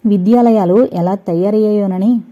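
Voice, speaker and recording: A woman's voice: medium pitch, moderate pace, warm tone, lightly acted. A woman voicing a playful young male college student in a dramatized audio novel, joking and teasing. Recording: dull lo-fi recording.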